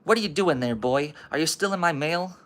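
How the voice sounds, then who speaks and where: A man voicing a grumpy old man who gruffly scolds a boy, read aloud from a book. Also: a little high, lively intonation, brisk, a bit bright, voice pushed up. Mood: scolding. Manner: gruff, barking orders.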